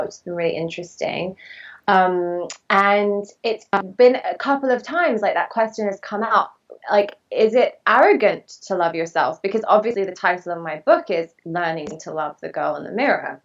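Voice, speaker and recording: A fairly low-voiced woman speaks as a podcast guest, earnest and reflective as she tells her personal story. She sounds set back from the mic, and the recording is muffled and dull. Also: gravelly. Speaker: podcast guest, actress and body-image coach. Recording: distant, dull remote recording.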